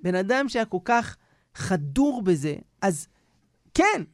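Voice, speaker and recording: Brief: male rabbi storyteller on a radio show, lively delivery, dry studio sound. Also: high voice, no echo. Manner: animated storyteller, acts out scenes.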